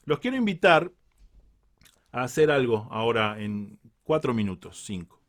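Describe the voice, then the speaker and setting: A man's voice: medium pitch, big pitch swings, normal speed. Earnest Uruguayan man preaching. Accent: Uruguayan Spanish. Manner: earnest, reflective, repeats key phrases for emphasis. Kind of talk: biblical reflection sermon.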